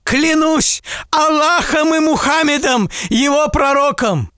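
A man voicing a frightened rich merchant who begs for his life in a high, wailing voice. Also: slow pace, pushed and bright, no echo, clean studio sound, heavily acted. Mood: pleading. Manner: high-pitched, begging and wailing. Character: terrified pleading rich male merchant.

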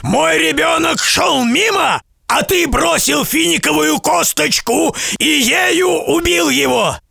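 A man voicing a huge, wrathful giant who shouts his threats slowly and menacingly in a storybook reading. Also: very high-pitched, very animated, gravelly, no room sound, clean studio sound, voice pushed up, full character voice. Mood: furious.

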